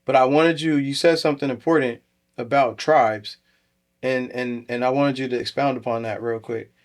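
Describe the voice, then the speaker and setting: Animated man with quick asides. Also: mid-range voice. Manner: animated, jumps into quick asides, repeats words as he restarts. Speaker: podcast co-host. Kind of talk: casual conversation.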